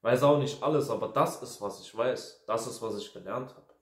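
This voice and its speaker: A man's voice: mid-range voice, moderate pace. A young man in his twenties rants emphatically to camera, circling back to the same point again and again with mocking asides. His mid-range voice bounces around a roomy, echoey space. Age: 20s. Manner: emphatic, repetitive ranting, mocking quotes. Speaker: life coach and video host. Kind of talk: casual talk to camera. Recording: echoey room.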